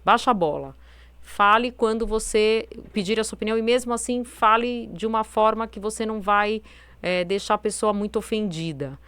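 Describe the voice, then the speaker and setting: A woman's voice: mid-range voice, fairly bright tone, smooth, no echo. A woman hosting a self-help video, talking casually with many fillers and a naturally firm tone. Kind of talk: casual advice monologue.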